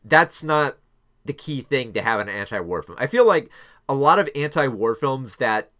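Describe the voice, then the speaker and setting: A man's voice: mid-range voice, animated, moderate pace, a bit bright. A man giving a casual spoken film review, rambling with many fillers and restarts.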